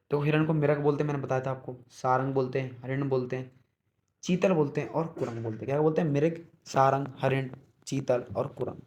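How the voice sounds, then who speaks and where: A young man teaching an online exam-prep lesson, repeating each word and often asking the listeners, whom he calls brother, whether it is clear. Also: fairly high pitch, a little mellow, lo-fi sound. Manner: repeats words and checks understanding often.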